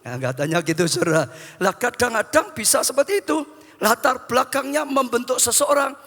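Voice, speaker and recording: Bright-voiced male pastor in an echoing hall. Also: very high voice, animated, a little fast. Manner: repetitive, addresses the congregation as brothers. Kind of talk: sermon. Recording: long hall reverb, faint music.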